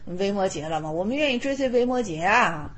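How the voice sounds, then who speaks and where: A woman voicing a chorus of joyful, stubborn young heavenly maidens who talk in an excited, insistent way. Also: medium pitch, a little fast, husky. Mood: giddy, stubborn.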